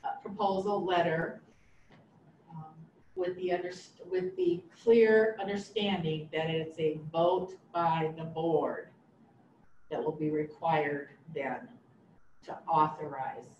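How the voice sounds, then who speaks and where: A woman's voice: sits low, takes it slowly, a little mellow, highs cut off. A woman on a county board making a motion at a meeting, informal and thinking aloud. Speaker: county supervisor. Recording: roomy, distant mic, faint hum.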